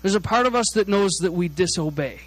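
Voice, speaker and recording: A man preaching in a chatty, animated storytelling way, full of "like" and asides. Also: sits high, brisk, no room sound, low-quality recording. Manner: animated, chatty, frequent "like" fillers. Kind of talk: storytelling sermon.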